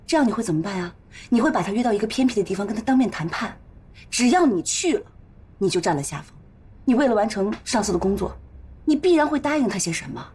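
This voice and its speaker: An actress playing a sharp-tongued, shrewd woman who lectures and scolds her friend. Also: mid-range voice, a little hiss or hum, natural voice.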